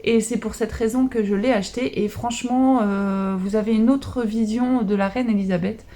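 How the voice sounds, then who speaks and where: A woman vlogger chatting casually about her latest books, hesitant with many pauses and fillers. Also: a little high, fairly even intonation, warm tone. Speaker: book vlogger. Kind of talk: casual chat showing books.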